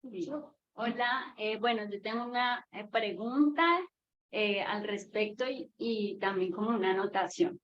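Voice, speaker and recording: A woman's voice: mid-range voice, measured pace. A mother, telling a long story about her child and asking a question in casual talk, with many fillers. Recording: dull lo-fi audio with faint noise.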